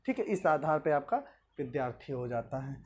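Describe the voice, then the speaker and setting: A man's voice: medium pitch, expressive, moderate pace. Man teaching grammar, quizzing himself. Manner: asks questions then answers them himself, repeats each step. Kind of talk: classroom grammar lesson.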